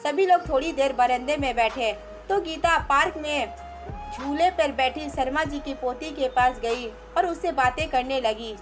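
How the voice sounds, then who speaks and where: A woman narrating a family story in a measured, even reading manner. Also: high-pitched.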